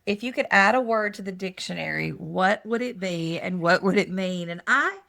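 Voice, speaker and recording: A woman's voice: mid-range voice, expressive, moderate pace, vocal fry, sharp tone. An older woman co-hosting a podcast from a hotel room, leading questions in a chatty, emphatic way. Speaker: podcast co-host. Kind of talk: casual chat.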